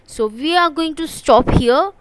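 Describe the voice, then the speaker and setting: A woman's voice: high voice, lively intonation, a little slow, slight background noise, poor audio. A woman with an Indian English accent teaching an online computer class, explaining step by step and often checking "okay?" with her students. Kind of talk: online lecture.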